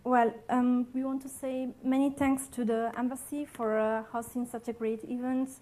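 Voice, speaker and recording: A woman's voice: a little high, flat delivery, normal speed, warm tone. Hesitant woman presenting. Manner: hesitant, many fillers and restarts, non-native phrasing. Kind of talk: conference presentation. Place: conference hall.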